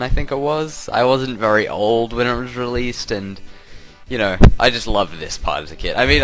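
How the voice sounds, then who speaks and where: Rambling young gamer. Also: male voice, on the low side. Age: young adult. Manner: rambling, self-interrupting, chuckly. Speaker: let's play host. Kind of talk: casual game commentary.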